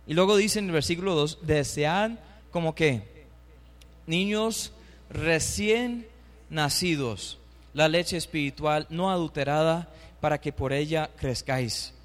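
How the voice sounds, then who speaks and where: High-voiced fervent male preacher. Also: big-room sound. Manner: fervent, climbs to loud, high emphatic bursts; reads scripture aloud and calls for the congregation to repeat. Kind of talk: sermon.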